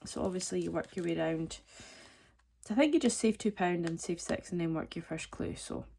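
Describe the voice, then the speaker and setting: A woman's voice: on the low side, brisk, vocal fry, warm tone. A woman in her forties, chatting in a rambling way while showing her budgeting items, with playful self-mocking jokes. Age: 40s. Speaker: budgeting vlogger. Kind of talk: casual chat. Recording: crinkling packaging noise close to the mic.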